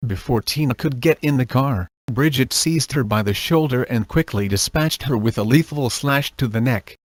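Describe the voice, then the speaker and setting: A man reading a crude comic horror story aloud in a flat, deadpan storytelling manner. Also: mid-range voice, normal speed, no echo. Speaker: narrator.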